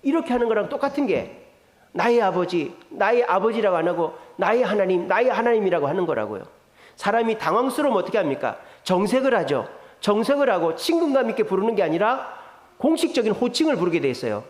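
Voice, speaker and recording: A male pastor preaching a sermon in an animated way, putting rhetorical questions to the congregation. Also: high voice, fast. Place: church sanctuary. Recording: echoey church hall reverb.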